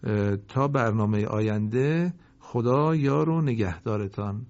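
A man teaching Quran recitation, slowly drawing out the syllables of each example, then explaining politely and formally. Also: lowish voice, a little mellow, muffled recording. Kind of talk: recorded lesson.

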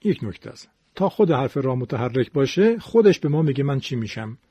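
Husky-voiced man teaching recitation. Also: medium pitch, very animated, warm tone, no echo. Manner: patient, explains step by step and drawls example words slowly. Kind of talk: radio lesson.

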